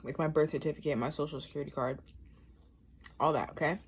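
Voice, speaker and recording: A woman's voice: sits low, fairly even intonation, fast, slightly rough. An American woman in her twenties telling a casual, rambling, sweary complaint while eating, talking with her mouth full. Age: 20s. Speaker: vlogger.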